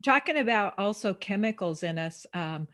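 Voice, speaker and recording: A woman's voice: medium pitch, animated, moderate pace, a bit bright. A woman hosting a casual interview, chatty, with many fillers and playful asides. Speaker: interview host.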